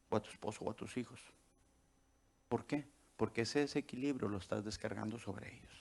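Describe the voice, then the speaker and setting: A man's voice: medium pitch, vocal fry, darkish tone. A man preaching a sermon as pastor, tossing out rhetorical questions and checking in with the congregation as he goes.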